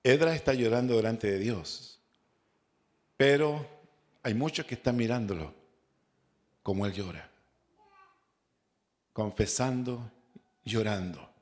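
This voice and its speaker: A man with a Chilean accent, a pastor preaching a Bible study sermon, repeating key words and asking the congregation rhetorical questions. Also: medium pitch. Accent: Chilean Spanish. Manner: slow, drawn-out preaching with rhetorical questions and repetition.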